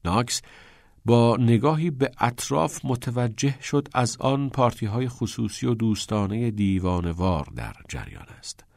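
Expressive male audiobook narrator, gravelly. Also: medium pitch, no echo, studio quality. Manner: expressive storytelling reading.

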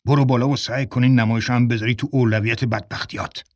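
A man's voice: medium pitch, steady tone, no room sound, close to an everyday voice. A man playing a stern theater director who scolds his cast. The voice is slightly raised and firm, recorded close and dry.

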